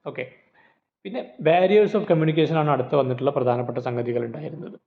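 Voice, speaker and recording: A man's voice: mid-range voice, expressive, brisk. A man teaching an exam-prep lecture, explaining with rhetorical questions and everyday examples. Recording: phone-like narrow audio.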